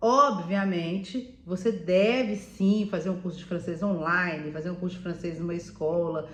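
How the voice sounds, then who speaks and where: A woman's voice: on the low side, fairly even intonation, moderate pace, a bit bright. Chatty woman in an echoey room. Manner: chatty, addresses viewer as "meu amor", many "né?" tags. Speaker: vlogger living abroad. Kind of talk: casual advice vlog.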